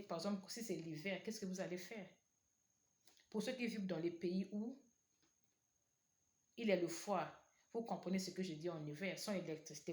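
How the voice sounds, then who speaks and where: This woman's low, a little mellow voice delivers a sermon to people watching online, earnest and full of repetition and exhortation. French is not her first language. The echo suggests a reverberant room.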